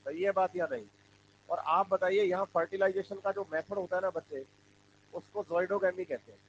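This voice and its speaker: A man's voice: high-pitched, steady tone, normal speed. A male biology teacher lecturing a class, asking questions and having students answer back. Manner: call-and-response questioning. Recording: dull lo-fi classroom recording with faint hum.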